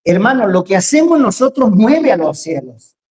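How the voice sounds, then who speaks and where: A woman preaching a sermon in a lively, joking way, acting out the voices she quotes. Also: mid-range voice, moderate pace.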